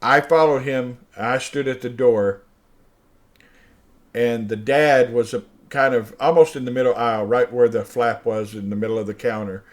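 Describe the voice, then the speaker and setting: An older man hosting his own show, telling a personal story in an animated way, acting out the dialogue and laughing mid-sentence. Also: medium pitch, normal speed. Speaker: show host.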